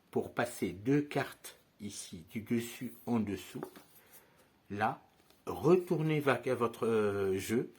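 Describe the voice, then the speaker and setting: A man teaching a card trick step by step, in a chatty manner and often checking in with his listeners. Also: fairly low pitch. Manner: conversational, frequent tag questions and fillers.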